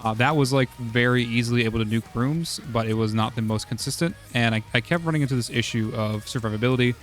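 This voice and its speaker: A man streaming casual game strategy talk, hoarse from losing his voice, rambling with many "uh"s and "like"s. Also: mid-range voice, fast talker, soft background music. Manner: rambling, full of "uh" and "like".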